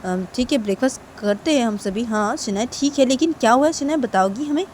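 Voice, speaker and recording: A woman voicing a man who tries to calm a quarrel and asks what happened. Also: on the high side, fairly quick, a little hiss or hum, lightly acted. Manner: soothing, asks to be told.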